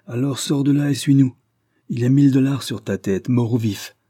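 A man's voice: mid-range voice, animated, moderate pace, warm tone, dry recording, studio quality, voice pushed up, natural voice. A man voicing a commanding deputy sheriff. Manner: commanding, insistent. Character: determined male American deputy sheriff.

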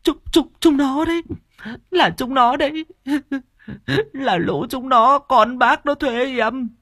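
A woman's voice: high voice, takes it slowly, fairly bright tone, dry recording, studio quality, pitched above the performer's own voice, exaggerated voice. A man voicing a guilt-ridden older woman who is crying, stammering and begging in an audiobook. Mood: tearful pleading. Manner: stammering, wailing, pleading. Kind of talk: audiobook character voice.

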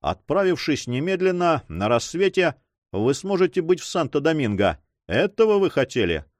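Man voicing commanding older nobleman, solemn, imperious, animated pitch, dry sound. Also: moderate pace, no echo.

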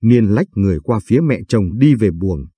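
Dark, husky male storyteller. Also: fairly low pitch, lively intonation, moderate pace, no room sound. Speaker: narrator. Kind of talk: scripted story narration.

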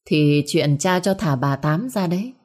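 A woman's voice: deep voice, lively intonation, a little slow, darkish tone. A woman voicing a firm, curt young man who speaks sharply and protectively. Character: young man, protective stern second son.

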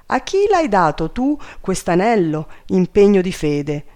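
A reader voicing a spoiled, furious young princess in a storybook reading, shrill and insulting. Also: big pitch swings, measured pace, a little mellow.

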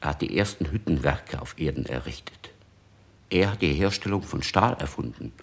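A solemn royal retainer in a 1960s radio play, extolling the old king's deeds one by one. His voice is extremely deep and gravelly, with a husky edge. It rises and falls widely as he proclaims. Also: expressive, normal speed, heavily acted. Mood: proclaiming. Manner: proclaiming, listing deeds reverently.

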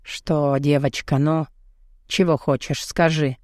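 A brash, burly man with a husky, gruff voice, as a woman narrator puts him on, teasing and blunt in a swaggering way. The voice sits a few steps lower than a woman's usual talk and is recorded dry and close, as in an audiobook. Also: fairly even intonation, slow pace, a little mellow, dry recording. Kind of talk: audiobook character voicing.

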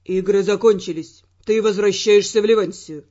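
Woman doing a gruff scolding spy boss, low and heavy, audiobook, slightly dull sound. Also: steady tone, normal speed, warm tone, close to an everyday voice. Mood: stern, angry. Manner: harsh, scolding. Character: stern gruff male senior spy chief.

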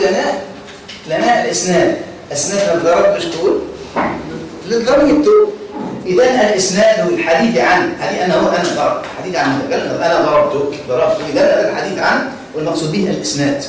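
High-voiced Tunisian teacher in an echoey classroom. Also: male voice, lively intonation, quick pace, slight background noise. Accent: Tunisian Arabic. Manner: keeps asking the class if they follow. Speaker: Arabic grammar teacher. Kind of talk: classroom lesson. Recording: echoey classroom, mic far off.

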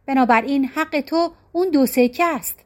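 A woman voicing a wise male ruler who gives judgment in a calm, measured way, in a storybook reading. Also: sits high, close to an everyday voice. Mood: measured, firm. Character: stern wise male Indian ruler judging.

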